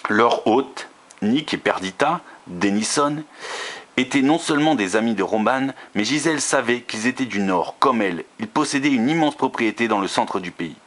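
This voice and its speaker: A man reading a romance novel aloud, steady, with occasional slips and restarts. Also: medium pitch, normal speed.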